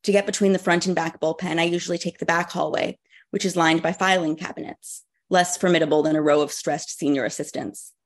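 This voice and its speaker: A woman novelist reading aloud from her own book in a measured, dry, wry way. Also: on the low side, steady tone. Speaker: novelist guest.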